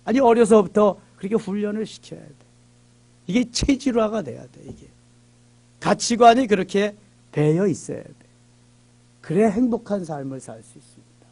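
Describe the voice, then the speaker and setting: Man, pastor, midweek sermon, darker mellow tone, slightly high pitch, repeats key words for emphasis. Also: animated, moderate pace, pauses often. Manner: preaching with emphatic repetition, reading scripture aloud. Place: church sanctuary.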